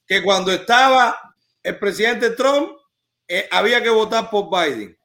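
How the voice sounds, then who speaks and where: A man's voice: sits high, animated, measured pace, sharp tone. A man hosting a talk show, asking follow-up questions and summing up his guest's point.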